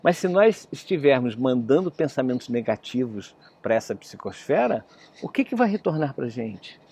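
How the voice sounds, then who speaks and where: A man's voice: mid-range voice, sing-song, normal speed, creaky, dark tone, husky. A man giving a spiritist lecture, telling a story in a conversational way, often adding tag questions. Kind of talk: storytelling sermon.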